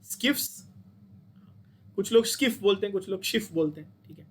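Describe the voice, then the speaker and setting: High-voiced Indian chemistry teacher lecturing. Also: male voice, moderate pace, a little hiss or hum. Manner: explains step by step, checks in with students often. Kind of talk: classroom lecture.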